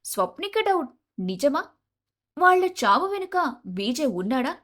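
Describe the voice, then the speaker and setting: A woman narrating a romance audio story in an expressive, dramatic way. Her voice sits high. She carries the listener from scene to scene. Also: normal speed.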